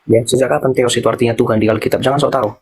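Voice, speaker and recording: A man's voice: medium pitch, steady tone, rapid-fire, heavy background noise. Lecturing young man hosting a live stream. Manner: explanatory, repeats points, lecturing. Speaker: live stream host answering callers. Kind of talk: casual religious discussion.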